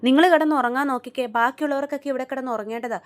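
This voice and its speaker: A woman voicing a bossy middle-aged aunt who scolds and boasts, talking fast. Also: high voice, natural voice. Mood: scolding.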